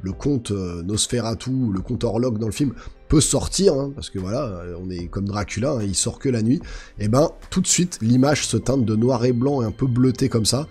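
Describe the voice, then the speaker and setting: A man with a hoarse, guttural, slightly sick-sounding voice, giving a casual, enthusiastic film review as a channel host. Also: mid-range voice, moderate pace, darkish tone, soft background music.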